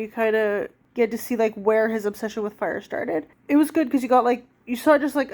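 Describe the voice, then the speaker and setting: A woman's voice: fairly high pitch, a little mellow. A woman in her thirties with a stuffed-up cold, chatting casually about books as a vlogger, rambling with lots of fillers. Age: 30s. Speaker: book vlogger. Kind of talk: casual chat.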